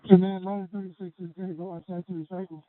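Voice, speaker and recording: A man's voice: high voice, little pitch movement, fast. A man talking as a firefighter over a two-way radio. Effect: two-way radio transmission. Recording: muffled band-limited radio transmission.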